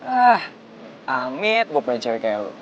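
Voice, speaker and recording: A brash male driver with a Jakarta accent. He snaps back quickly in street slang, and his pitch swings widely. Soft music plays underneath. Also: big pitch swings, muffled recording. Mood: irritated. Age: young adult. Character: young male driver, hot-tempered, blunt. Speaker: young driver.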